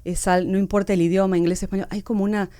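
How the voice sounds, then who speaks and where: A woman's voice: mid-range voice, level tone, fast, warm tone, clean tone, no echo, studio quality. A woman from Argentina with an Argentine accent, speaking earnestly as a guest author in an interview. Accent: Argentine Spanish. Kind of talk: reflective interview talk.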